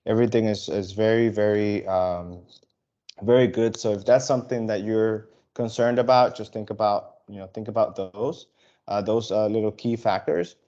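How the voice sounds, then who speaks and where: A man from the Dominican Republic giving an airline sales webinar over a video call, halting and full of fillers and restarts. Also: on the low side, mellow, highs cut off. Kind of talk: webinar presentation.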